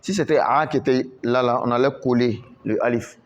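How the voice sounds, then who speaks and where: A man teaching Quran recitation in French, patiently repeating each word and drawing out the recited syllables. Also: mid-range voice. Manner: slow, repeats words many times, drawn-out recitation.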